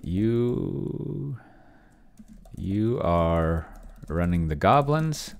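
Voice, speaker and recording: A lowish, creaky male voice with lively intonation draws out its words. The speaker is a middle-aged streamer and solo role-player commenting casually on a live stream, thinking aloud in muttered fragments as he types in a small home room.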